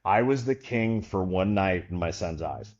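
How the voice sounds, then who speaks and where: A man's voice: low voice, a little slow, muffled recording. A man guest on a podcast, telling a long story casually and acting out the voices of the people in it. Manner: animated storyteller, acts out quoted voices.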